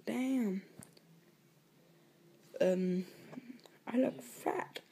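Filming herself on a phone, this vlogger speaks in a mid-range, mellow voice with soft edges, and the audio carries a little hiss or hum. Her talk meanders, breaking off partway through thoughts, with frequent apologies. It all has a casual, homemade quality.

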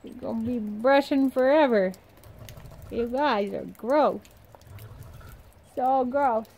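Her voice is fairly high yet darkish, with a slow pace. She's a young woman in her twenties who vlogs and trains horses, chatting and doing voice-over to a phone at arm's length outside by a barn and paddock while talking lovingly to her horses.

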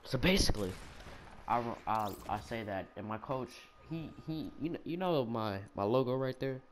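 A young man telling a childhood story in a rambling, animated, self-mocking way, with lots of restarts. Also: mid-range voice, normal speed, a little hiss or hum. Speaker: gaming video storyteller.

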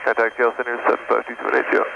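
A man flying a small plane, talking through his cockpit headset intercom in calm, clipped radio phrasing. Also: medium pitch, very fast, gravelly. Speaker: private pilot. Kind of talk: flying vlog with radio calls and checklists. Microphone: aviation headset. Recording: muffled intercom with engine noise.

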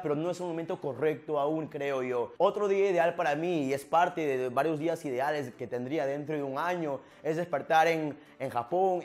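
A man, giving an energetic, earnest motivational talk straight to the viewer. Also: on the high side. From Peru. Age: 20s. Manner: energetic and earnest, addresses the viewer directly, frequent restarts. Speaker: motivational speaker.

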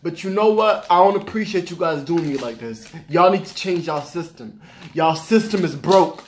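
A man vlogging casually, venting to his viewers in a slangy, animated way and repeating lines for emphasis. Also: on the high side, normal speed, a little hiss or hum. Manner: animated, exasperated, talks straight to the viewers. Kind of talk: casual ranting vlog.

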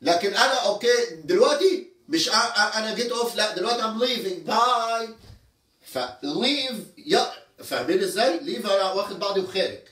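In an echoey room, a man with an Egyptian Arabic accent teaches English words, moving around indoors and recorded from a distance. His voice sits high and sounds pushed and bright, with lively intonation and a slightly fast pace. He explains step by step and checks that his students are following.

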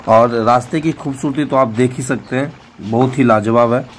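A man narrates a voice-over for his travel vlog, giving informative tips to his viewers. His pitch is mid-range for a man. Clear background noise runs under his voice. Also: normal speed. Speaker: travel vlogger.

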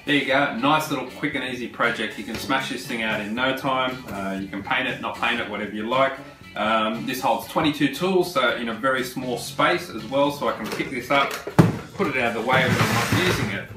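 A man, a woodworking host who explains a project in a relaxed, chatty way with fillers. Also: mid-range voice, fairly quick. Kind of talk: casual how-to narration. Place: large home workshop, indoors. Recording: roomy workshop sound, mic at a distance, music under the voice. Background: background guitar music.

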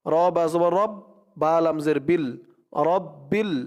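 High-voiced man teaching Quran recitation. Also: a little mellow. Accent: Bangladeshi Bengali. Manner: drawn-out melodic chanting of Arabic verses, spelling letter by letter. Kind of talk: Bengali religious lesson with slow Arabic recitation.

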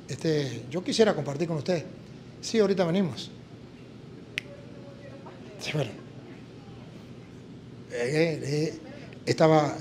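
Animated Latin American priest telling a story. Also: male voice, fairly high pitch, a little hiss or hum. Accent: Latin American Spanish. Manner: animated, acts out dialogue in story. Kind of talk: sermon with storytelling.

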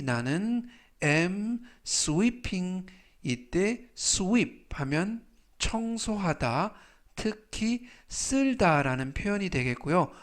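Male vocab teacher, unhurried and careful, slightly higher voice, repeats each word. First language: Korean. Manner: spells out pronunciation, repeats each word slowly. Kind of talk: slow explanatory vocabulary lesson.

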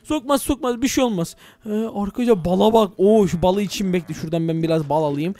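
A young man narrating a Minecraft let's-play to his viewers, excitable and full of exclamations. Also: high voice, fast, no echo, clean studio sound. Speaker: gaming YouTuber.

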